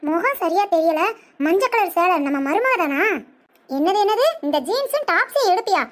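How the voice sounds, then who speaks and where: A woman voicing a sharp-tongued, boastful older aunt in a comedic cartoon, scolding and quick with insults. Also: very high-pitched, very animated. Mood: brash, scolding.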